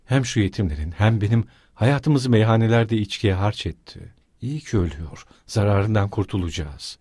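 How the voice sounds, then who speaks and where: A man reading the lines of a bitter, consumptive poor mother who lashes out in anger, his own husky voice barely changed. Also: on the low side, moderate pace, darkish tone, dry recording, clean studio sound. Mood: bitter, furious. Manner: angry, accusing outbursts.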